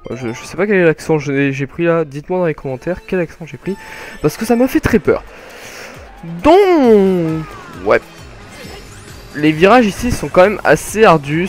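A young man casually commenting his kart race, joking and rambling with sudden excited outbursts. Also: fairly high pitch, normal speed, soft background music. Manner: jokey, rambling, self-mocking, bursts of excited yelling. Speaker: gaming commentator. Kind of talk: casual let's play commentary.

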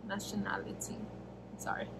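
A young woman from the United States talks casually into a camera set close in front of her in a small bedroom. Her delivery wanders, with frequent fillers and quick self-corrections as she answers viewer questions. A steady background noise sits clearly under the voice. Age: young adult. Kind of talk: casual Q&A vlog. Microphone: camera at arm's length, face framed close.

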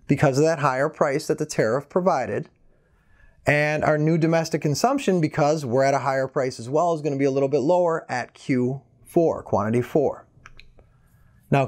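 A man's voice: fairly high pitch, darkish tone. A male economics teacher walking through an exam answer, explaining each step methodically and addressing viewers directly. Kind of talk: exam walkthrough lesson.

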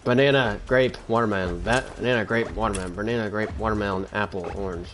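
A teenage boy streaming a video game live, excitable and yelling at the game, with game music behind him. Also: fairly low pitch, fast, background noise. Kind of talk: live gaming stream commentary.

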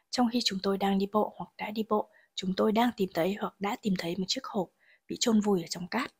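A woman teaches English grammar and pronunciation, explaining each exam answer and slowly reading English sentences before translating them. Her voice is mid-range and husky.

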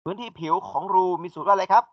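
A man's voice: high voice, racing, no room sound. A man teaching an engineering class, explaining step by step and asking his students questions. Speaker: engineering lecturer. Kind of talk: classroom lecture. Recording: dull dry lecture recording.

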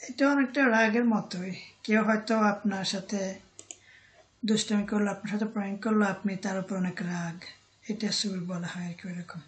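A woman teaching a vocabulary lesson, repeating each word and pausing often with a filler word. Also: medium pitch, rough recording. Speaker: language teacher.

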